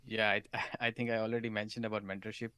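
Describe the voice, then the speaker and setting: A man's voice: lowish voice, level tone, quick pace, pushed and bright, clean tone. A man being interviewed on a podcast as a solutions architect, giving advice and often checking in with "right?". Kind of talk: casual interview chat.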